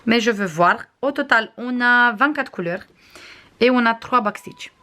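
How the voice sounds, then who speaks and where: A woman's voice: a little high, animated, a little slow, pushed and bright, a little hiss or hum. Chatty woman with a non-native accent. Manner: chatty, frequent hesitations, shows items to camera. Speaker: crafts vlogger. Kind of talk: casual unboxing review.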